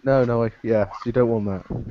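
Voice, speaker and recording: A man's voice: medium pitch, fairly even intonation, moderate pace, noisy background. Man, light banter, lo-fi line. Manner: brief, good-natured banter. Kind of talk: casual podcast chat. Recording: dull lo-fi audio.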